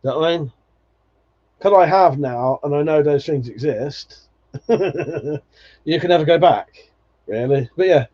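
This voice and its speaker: This livestream host, a man in his forties, reads out viewer comments with plenty of laughter and casual swearing, his chat relaxed and nostalgic. He speaks on the high side at a measured pace, pausing often. Dull lo-fi stream audio carries it.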